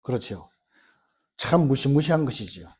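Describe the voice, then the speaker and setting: A man preaching a sermon as pastor, telling stories with lively delivery and acting out quoted lines. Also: mid-range voice, moderate pace, breathy edge.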